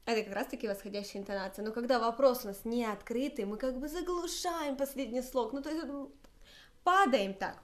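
A woman with a Russian accent gives a casual lesson on English intonation, and her voice sits high. She talks in a lively way and demonstrates the phrases as she goes. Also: brisk. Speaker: English teacher.

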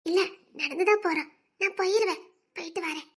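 A woman playing a gentle, devoted young village woman who speaks softly and humbly. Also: very high voice, fairly quick. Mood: tender. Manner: soft, tender and humble. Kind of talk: audio drama acting.

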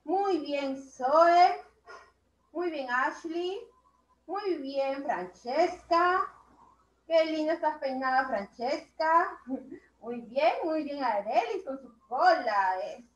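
High-voiced woman teacher, slow praise. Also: lively intonation, roomy sound, lo-fi sound. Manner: slow, drawn-out words, warmly praising children. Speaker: primary school teacher. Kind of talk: online class instruction.

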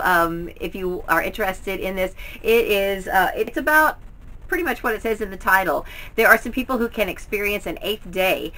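A woman's voice: medium pitch, pushed and bright, low-quality recording. A middle-aged woman talking casually to camera at home, presenting books like a vlogger. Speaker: book haul vlogger. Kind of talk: casual, chatty book review to camera. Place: indoors at home, in front of bookshelves.

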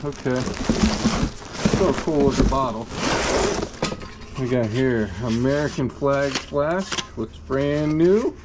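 A man vlogging as he sorts through a storage unit, talking in a folksy, unhurried way while he thinks aloud. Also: medium pitch. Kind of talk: casual chest-cam vlog narration. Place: metal storage unit and gravel lot outdoors. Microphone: chest-mounted action camera. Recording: noisy outdoor action-camera audio.

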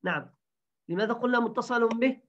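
A woman teaching a grammar lesson, repeating words slowly and quizzing her students. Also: a little high. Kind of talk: grammar lesson to an online class. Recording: dull lo-fi recording.

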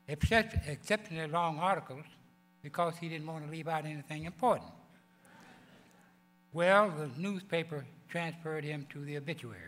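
An old man speaks in a growling, hoarse voice, pitched a little high for a man. He delivers a formal speech haltingly and deliberately into a podium microphone, his words reverberating through a large hall. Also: fairly bright tone. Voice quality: growling, hoarse voice from vocal cord paralysis. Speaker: award recipient giving acceptance speech. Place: large banquet hall stage. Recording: echoey banquet hall PA, electrical hum.

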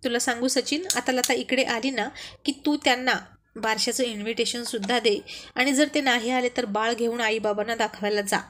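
A woman's voice: a little high, steady tone, normal speed, a bit bright, natural voice. Woman reading as a teasing young husband. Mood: earnest. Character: teasing young married man, a close friend.

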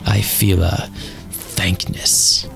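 A man voicing a young woman in rehab who recites silly poems in a flat, deadpan way. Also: sits low, very slow, gravelly, soft background music, pitched below the performer's own voice, heavily acted.

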